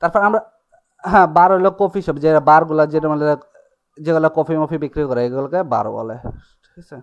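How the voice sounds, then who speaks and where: A man teaching an Italian class in Bengali, speaking slowly and checking again and again that his students follow. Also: a little high, highs cut off. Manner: explains slowly with many checks like "ঠিক আছে?" and "নাকি?". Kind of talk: live online class taught in Bengali.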